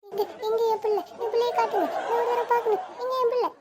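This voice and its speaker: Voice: extremely high pitch, little pitch movement, fast, crowd noise, background noise. A child acting as a frightened young woman in labor, pleading and complaining in a home skit. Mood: worried.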